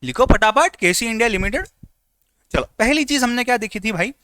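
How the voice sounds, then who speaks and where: A man teaching a live online lecture in a lively, teasing way, often repeating his instructions. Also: very high-pitched, brisk, noisy background.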